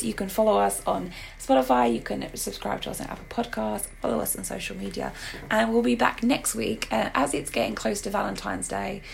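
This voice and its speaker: Croaky, hoarse woman podcast host. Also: mid-range voice, a little hiss or hum, rough recording. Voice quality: hoarse, croaky voice with gravelly creak. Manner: animated, jokey, exclaims emphatically. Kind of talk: casual film and TV podcast chat.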